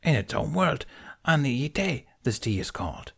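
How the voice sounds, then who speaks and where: A man's voice: mid-range voice, big pitch swings, measured pace, gravelly, a bit bright, breathy edge, pitched above the performer's own voice, full character voice. A man voicing Yoda, an ancient tiny male alien sage who speaks in inverted word order. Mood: chiding. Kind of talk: fan audiobook reading.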